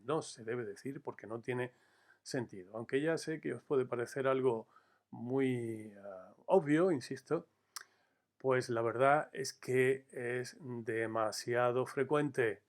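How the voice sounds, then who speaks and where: Male teacher, mid-pitched, measured and explanatory, recorded lesson. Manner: measured, explanatory, stresses key words slowly; addresses students directly with frequent "eh" fillers.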